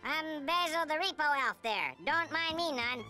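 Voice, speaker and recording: An actor voicing a scrappy, chirpy cartoon woodpecker with a folksy way of talking. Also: male voice, very high voice, expressive, normal speed. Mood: folksy, cheerful. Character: wacky male cartoon woodpecker, cheerful, scrappy fast-talker. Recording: music behind the voice.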